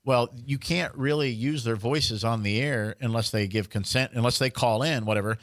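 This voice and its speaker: A man's voice: normal speed, no room sound. Podcast co-host, male, storyteller type with a goofy radio-DJ impression on tap; dead-dry mic. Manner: chatty storyteller, slips into a booming radio-DJ voice. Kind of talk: casual comedic chat.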